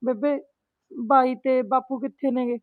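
A woman's voice: high-pitched, steady tone, a little slow, dry recording. A woman playing a tearful, pleading young wife. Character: distressed young married daughter mistreated by in-laws. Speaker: married daughter. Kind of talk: rural family drama acting. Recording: thin phone-like sound.

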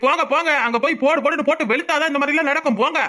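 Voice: high voice, very fast, bright, forceful tone. A performer voicing a boastful, doting young village husband and strong laborer in a cartoon, speaking with a southern Tamil accent in a swaggering, playful, protective way. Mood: cocky. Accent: southern Tamil (Tirunelveli). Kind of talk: cartoon voice acting.

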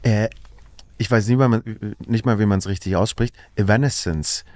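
A man's voice: lowish voice, steady tone, normal speed, a little mellow, no room sound, clean studio sound. A man from Germany, a comedian and radio host, chatting as a podcast guest and telling stories with frequent laughs. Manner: chatty, laughs often, storytelling. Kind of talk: casual chat.

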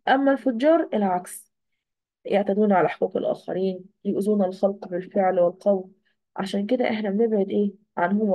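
A woman's voice: mid-range voice, no room sound, dull audio. A woman teacher with an Egyptian accent gives an online exam review, asking questions and answering them herself. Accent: Egyptian Arabic. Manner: asks and answers her own questions.

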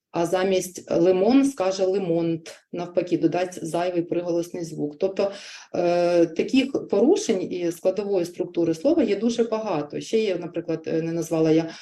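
A woman speech therapist talks parents and teachers through a livestreamed webinar. Her voice sits a little low and sounds mellow and dark. She explains step by step in a measured way, often pausing on a hesitant "e" before going on. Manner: measured, explanatory, frequent "e" fillers.

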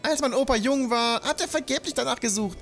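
A man's voice: very high voice, fairly quick, a bit bright, faint music behind, pitched above the performer's own voice. A man voicing an eager, grateful young village boy in a video game.

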